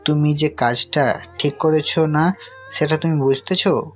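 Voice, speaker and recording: In an audio story, a man plays a sceptical middle-aged father who guards the family's honour, sounding suspicious and reproving. His voice is a little high, natural and unhurried. Music runs under the voice.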